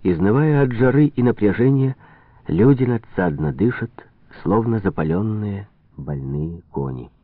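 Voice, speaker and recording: A man reading a novel aloud as an audiobook narrator, expressive and measured. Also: on the low side, no room sound. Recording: tinny phone-like sound, dry.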